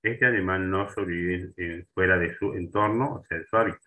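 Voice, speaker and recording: A man with a low, bright, forceful voice leads a grammar lesson, heard through a low-quality recording. He moves slowly, repeating terms and restarting words while checking in with students for agreement.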